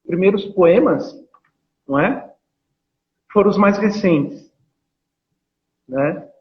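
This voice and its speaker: A man with a Paulistano accent and a fairly high voice talks hesitantly, filling pauses and tagging questions. He comes through a tinny, phone-like video call line. The chat is relaxed and unscripted. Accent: Paulistano Brazilian Portuguese. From São Paulo, Brazil. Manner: hesitant, many fillers and tag questions. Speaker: poet being interviewed. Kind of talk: casual interview over a video call.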